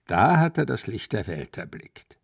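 A grumbling middle-aged canvasser, read by a man as he pours scorn on a stingy man. His gravelly, husky voice rises and falls a lot. The studio sound is dry and close. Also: fairly low pitch, very animated, a little slow, no echo, pitched above the performer's own voice, full character voice. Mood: scornful. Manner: indignant, scornful gossip.

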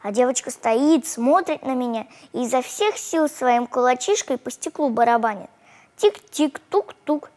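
A woman reading a children's story aloud in the first person, expressive and animated. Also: high voice, moderate pace.

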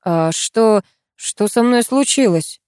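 A woman reading aloud plays a bewildered young man waking in a hospital bed, stumbling over his words in a halting, confused way. The voice sits fairly high and is recorded close and dry, as in an audiobook reading. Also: lively intonation, darkish tone, smooth, no echo. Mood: dazed.

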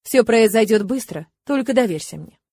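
A woman reading an audiobook, voicing a mysterious, quietly mocking man speaking from the darkness. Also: fairly high pitch, lively intonation, normal speed, breathy edge, dry recording, studio quality. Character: mocking mysterious male voice from the dark.

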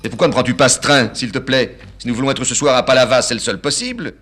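A man's voice: mid-range voice, quick pace, fairly bright tone, soft background music, pitched above the performer's own voice, natural voice. A man voicing a vain, theatrical old street harpist in a dramatic play reading, given to melodramatic outbursts. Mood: indignant. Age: older.

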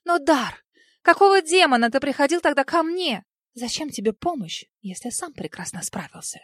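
A woman voicing a sharp-tongued young woman healer who hisses and scolds sarcastically in a storybook reading. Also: high-pitched, expressive, normal speed, no echo, studio quality, voice pushed up. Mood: indignant.

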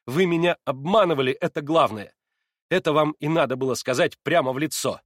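A man's voice: a little high, a little fast, a bit bright, dry recording, close to an everyday voice. A man voicing a proud, wounded young woman who speaks in impassioned reproach, in an audiobook reading. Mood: bitter accusing.

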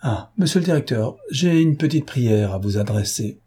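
A man voicing a sly, cocky gentleman thief who teases his captors in an ironic, lively tone, in a read-aloud novel. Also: medium pitch, moderate pace, slightly rough. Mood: mocking.

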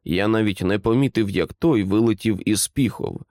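A man narrating an audiobook in a calm, even-paced storytelling manner. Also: on the low side, moderate pace, no room sound, clean studio sound.

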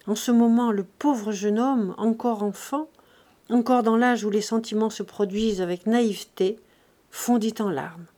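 A woman reading a classic novel aloud as an audiobook, in a steady, measured way. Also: medium pitch. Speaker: audiobook reader. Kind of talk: scripted narration of a classic novel.

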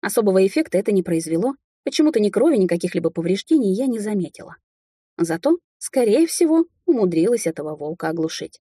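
A woman with a warm, mellow voice carrying a slight husk, narrating a fantasy novel in the first person. Her storytelling is lively and emotional, and the recording sounds dry and close. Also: medium pitch, fast talker, slightly rough, no echo. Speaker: audiobook narrator.

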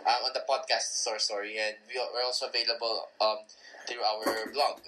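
A man hosting a casual sports podcast, animated and quick to laugh. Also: medium pitch, background noise. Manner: animated, laughing, restarts often. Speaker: podcast host.

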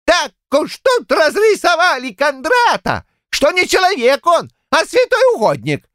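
A man voicing a quarrelsome old village man in a shrill falsetto, rambling and shouting in heated bursts. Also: huge pitch swings, a little slow, no room sound, studio quality, full character voice. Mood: argumentative.

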